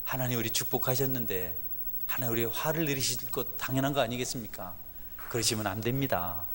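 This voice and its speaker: Middle-aged Korean pastor preaching in a reverberant church. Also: male voice, mid-range voice, a little fast, a little hiss or hum. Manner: swings from hushed asides to loud fervent preaching. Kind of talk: sermon. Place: church sanctuary. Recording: church sanctuary with long reverb.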